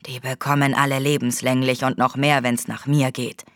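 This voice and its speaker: A woman's voice: extremely low pitch, flat delivery, normal speed, no echo, clean studio sound, pitched below the performer's own voice. A woman reading an audiobook, voicing a grumpy male secret agent with a cold who growls and grumbles his lines.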